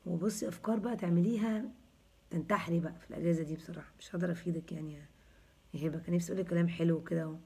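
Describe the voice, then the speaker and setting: A woman in her thirties with an Egyptian Arabic accent hosts a casual live chat, joking with and teasing viewers as she answers their comments. Her voice is low, husky, and darkish, with a steady tone and a racing pace.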